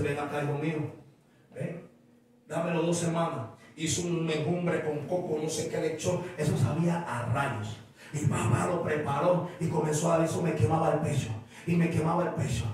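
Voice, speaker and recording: A male pastor preaching a sermon, telling lively personal stories with playful imitations. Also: on the high side. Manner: animated storytelling with a stammer imitation and laughter. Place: church sanctuary. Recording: echoey church hall from far off.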